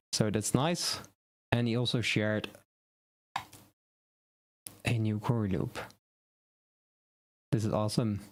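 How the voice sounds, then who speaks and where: With a fairly low voice, a Dutch-speaking man hosts a casual live stream about web design news. He rambles, thinking aloud and correcting himself as he goes.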